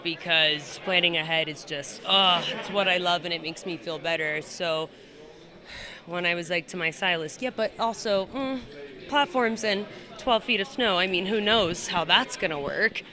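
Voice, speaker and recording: A woman's voice: on the low side, normal speed, a crowd in the background. A woman being interviewed casually on a red carpet, speaking in a candid, rambling, emphatic way. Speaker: festival guest being interviewed.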